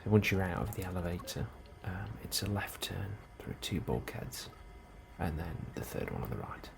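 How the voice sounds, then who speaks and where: Here a male colony immigration officer, calm and helpful, is portrayed in ASMR style by a man with a very deep, creaky voice. His speech stays soft and unrushed, edging toward a whisper now and then, over clearly audible, steady ambient noise.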